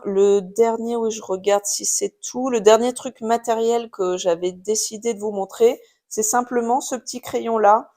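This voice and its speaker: A woman's voice: medium pitch, darkish tone. Chatty French woman showing craft buys. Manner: chatty, many fillers and restarts. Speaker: craft YouTuber showing purchases. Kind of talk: casual haul video chat. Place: home with a baby nearby.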